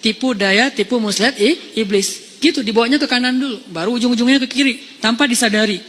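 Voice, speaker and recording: A high-pitched man gives a sermon as a casual, lively story, acting out each voice. His words echo through a long hall reverb. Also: fast talker. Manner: lively, conversational, acts out quotes. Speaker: preacher.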